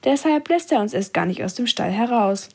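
A woman's voice: a little high, animated, normal speed, slightly rough. A woman voicing a group of pigs grumbling about being kept inside.

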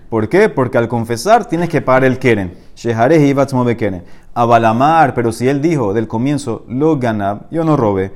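A man teaching a Talmud class, reading the Aramaic text aloud and then explaining it, growing louder and higher when he argues a point.

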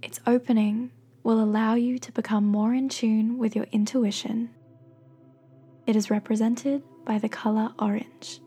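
A woman with a soft, breathy voice gently and slowly guiding a meditation in soothing, encouraging scripted narration. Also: a little high, flat delivery. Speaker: guided meditation host.

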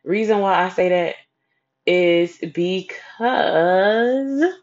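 A woman's voice: on the low side, expressive, extremely slow, a little mellow. Blunt, sassy woman ranting advice. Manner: blunt, sassy, heavy swearing. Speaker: advice vlogger. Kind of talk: casual profane advice rant. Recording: dull lo-fi recording.

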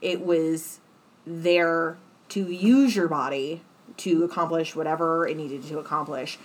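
A woman telling a story in casual chat, animated and swearing freely. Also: sits low, measured pace, a little hiss or hum.

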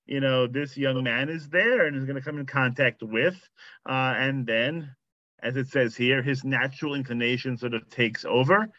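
A man's voice: mid-range voice, normal speed, sharp tone, no room sound. A man in his thirties, a rabbi leading a Torah study, talking in a loose, conversational way with lots of "you know" and restarts. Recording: slightly muffled lo-fi audio.

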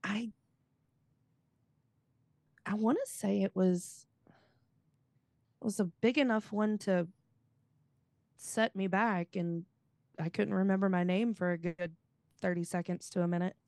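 A woman in her thirties answers candid questions in a giggly, slightly nervous way and pauses to collect herself. Her voice sits in a middle range and sounds close and dry, with no room around it. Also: medium pitch, steady tone, a little mellow, dry recording. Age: 30s. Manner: giggly, a bit nervous, hesitant. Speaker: interview guest. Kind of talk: candid conversation.

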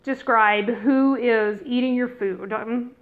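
A woman's voice: fairly high pitch, fairly even intonation, slow pace. A woman hosting a casual educational podcast in a chatty, informal way, addressing listeners directly, recorded through headphones used as a mic. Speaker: podcast host. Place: room in a rental house. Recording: thin phone-like sound from headphone mic.

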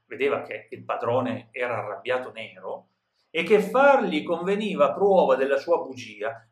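A man teaches a classic story, reading a passage of old prose and then explaining it in plain modern speech. His voice moves up and down with a lot of life and he often tags his sentences with a questioning "no?". The recording sounds roomy, with a noticeable echo. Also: medium pitch. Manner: reads old text then restates it in everyday words, often adds "no?". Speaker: literature teacher. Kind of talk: reading and paraphrasing a classic tale for a lesson.

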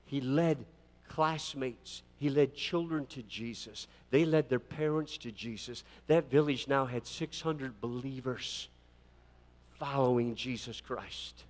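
A man preaching a sermon, telling a long story with dramatic swings between loud fervent peaks and quiet passages, often repeating words as he restarts. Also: mid-range voice, takes it slowly. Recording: long hall reverb.

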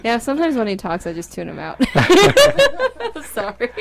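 A woman's voice: mid-range voice, wildly swooping pitch, normal speed, vocal fry, very noisy. A young woman hosting a casual radio chat, chatty and laughing often. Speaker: host.

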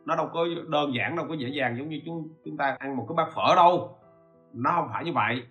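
A man's voice: on the high side, fairly quick, highs cut off, faint music behind. Man giving a chatty lecture. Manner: asks rhetorical questions and checks in with listeners. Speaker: podcast host teaching e-commerce. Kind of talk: informal spoken lecture.

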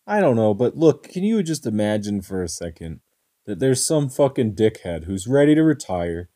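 A man's voice: lowish voice, big pitch swings, normal speed, mellow. A young man chatting on a podcast, swearing and spinning comic made-up scenarios. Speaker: podcast co-host. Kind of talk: casual profane chat.

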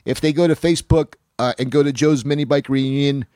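A man's voice: medium pitch, fairly even intonation, brisk, mellow, no echo, clean studio sound. Rambling older man hosting a podcast. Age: 60s. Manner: rambling storyteller, swears freely, acts out quotes. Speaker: podcast host. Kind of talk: casual podcast chat.

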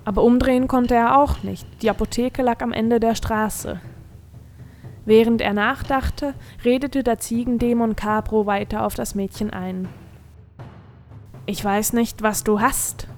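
A woman reading a fantasy story aloud as narrator, in a measured, expressive storytelling manner. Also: medium pitch, slight background noise. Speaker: audiobook narrator. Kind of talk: scripted narration.

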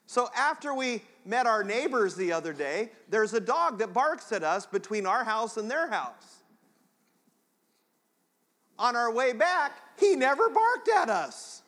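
Slow-preaching pastor in a ringing hall. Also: male voice, very high voice, sing-song, a bit bright. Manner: conversational preaching, talks directly to the congregation. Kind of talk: sermon.

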